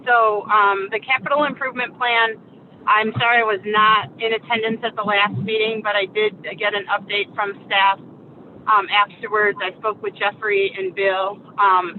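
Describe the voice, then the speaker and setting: Woman on a car speakerphone call. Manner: hesitant, frequent "um" fillers, careful wording. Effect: speakerphone call from a moving car. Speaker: city official giving a staff update. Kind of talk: public meeting report. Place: driving in a car. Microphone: phone on speaker. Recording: tinny phone line with faint car rumble.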